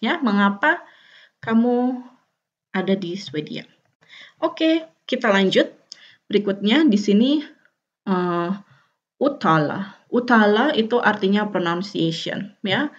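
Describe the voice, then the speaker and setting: A woman's voice: mid-range voice, animated, slow, long pauses. A young woman with an Indonesian accent, teaching a casual language lesson and thinking aloud between words. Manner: thinks aloud, many fillers. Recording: dull, muffled sound.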